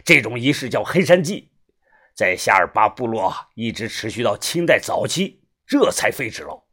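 A man voicing a rough, foul-mouthed middle-aged man in an audiobook, who talks gravely in a lowered tone. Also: very animated, moderate pace, sharp tone, exaggerated voice. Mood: grim. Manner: swearing, lowered grave tone when explaining. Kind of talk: audiobook character voice.

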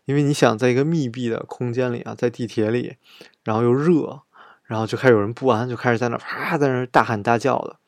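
A man's voice: mid-range voice, fairly even intonation, fast talker, no room sound, studio quality. A man telling a chatty travel story, acting out what he and others said along the way. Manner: chatty, retells scenes with quoted dialogue. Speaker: travel vlogger. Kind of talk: casual storytelling monologue.

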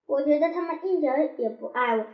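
A sulky, hurt little girl, read by a woman pleads in a high, thin voice, close to tears. A roomy echo hangs around the storybook reading. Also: quick pace, highs cut off. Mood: aggrieved. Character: upset little girl feeling unloved by her parents.

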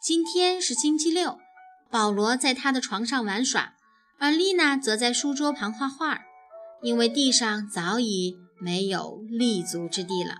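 Woman narrator, children's story, high voice, faint music behind. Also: measured pace. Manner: expressive, animated storytelling.

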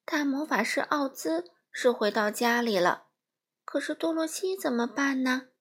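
A mother reading a storybook aloud to children in a gentle, storytelling manner. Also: high voice, lively intonation, measured pace.

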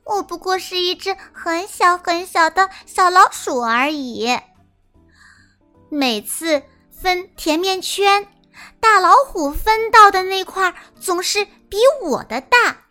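A woman telling a children's story as a small timid mouse, in a sweet, expressive, sing-song manner. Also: extremely high pitch, takes it slowly, soft background music.

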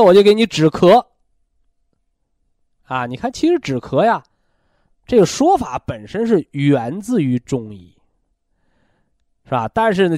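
A man hosting a radio health talk, lecturing in an animated way and tossing out rhetorical questions. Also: a little high, no room sound, studio quality. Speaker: health show host.

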